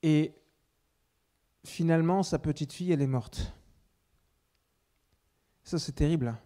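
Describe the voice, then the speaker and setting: Dark-voiced man telling a testimony. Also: a little high, unhurried. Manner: storytelling with many restarts, swings between loud and hushed. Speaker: preacher giving a testimony. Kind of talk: personal testimony in a sermon.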